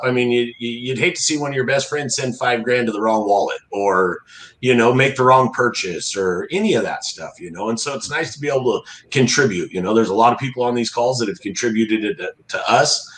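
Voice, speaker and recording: A middle-aged man talks casually in an interview with a folksy, plain-spoken manner. His voice sits at an average pitch. The room around him rings with noticeable echo. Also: lively intonation, fast talker, a bit bright. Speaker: interview guest, crab fisherman. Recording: roomy, echoey sound.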